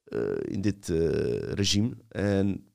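A man's voice: low-pitched, steady tone, takes it slowly, creaky. A man leading a casual conversation, talkative and steering the topic. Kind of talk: casual chat.

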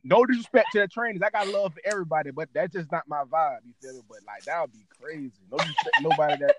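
Fast-talking animated young man. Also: fairly high pitch, very noisy. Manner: animated, repeats and restarts words, slangy. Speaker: guest answering dating questions. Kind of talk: casual chat.

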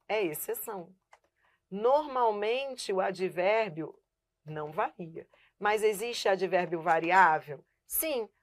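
A woman leads a live online grammar lesson at a medium pitch. She explains each point as she writes on a board, pointing things out to the viewer. She poses questions, answers them herself, and keeps asking whether the student is following. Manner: keeps checking in with the viewer and says "look" while writing on a board. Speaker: Portuguese teacher.

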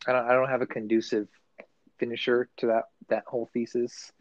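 A man's voice: mid-range voice, flat delivery, brisk, dry recording. Rambling, swearing man on a podcast. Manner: rambling, profane, loose and self-correcting. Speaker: podcast co-host. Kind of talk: casual podcast chat. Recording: dull, dry recording.

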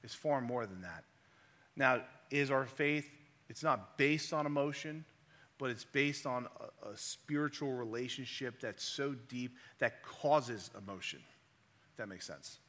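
A man delivers a sermon in a bright, forward voice, talking to his listeners casually and asking them rhetorical questions. His voice rings out with the long reverb of a large hall. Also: medium pitch, a little slow. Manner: conversational, asks the audience rhetorical questions. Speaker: preacher.

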